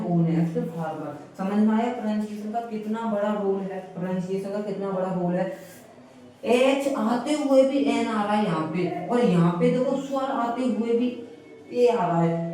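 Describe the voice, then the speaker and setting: A man's voice: high-pitched, mellow. A male teacher giving a classroom grammar lesson, repeating key phrases and quizzing the class with questions. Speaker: English teacher. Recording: very echoey room, voice far from mic, faint hiss.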